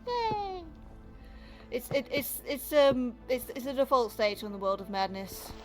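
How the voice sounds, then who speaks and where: A woman's voice: fairly high pitch, lively intonation, a little slow, a little mellow, rough recording. A British woman chatting casually while gaming, in a rambling way with frequent stammered restarts. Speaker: gaming streamer. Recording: music behind the voice.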